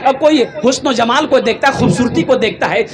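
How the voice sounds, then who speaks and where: A man from India preaching a sermon. He asks rhetorical questions and answers them himself, repeats emphatic phrases, and swings between raised, impassioned delivery and quiet storytelling. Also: very high-pitched, brisk. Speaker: Islamic preacher. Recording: live gathering with audible crowd.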